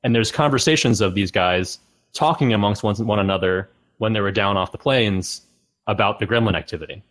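A man's voice: on the low side, brisk, fairly bright tone, poor audio. A man co-hosting a podcast, explaining a story in casual, rambling chat. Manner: rambling, many fillers and restarts. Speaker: podcast co-host.

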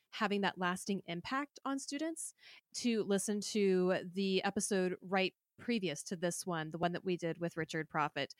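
A woman's voice: on the low side, clear, resonant tone, dry recording, clean studio sound. A woman hosting a podcast, interviewing a guest in a conversational style. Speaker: podcast host.

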